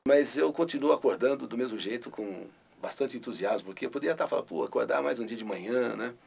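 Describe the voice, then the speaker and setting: Gravelly older Brazilian radio man. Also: mid-range voice, quick pace. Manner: animated, bursts into his catchphrase. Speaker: radio host. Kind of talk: interview recollection.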